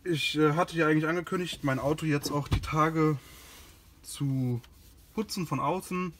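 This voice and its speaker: At normal speed, with a voice that's a little high and a bit bright, a car care host casually demonstrates a product in a garage, working inside and beside a car. He's informal and slightly hesitant, and a little hiss or hum runs under the audio.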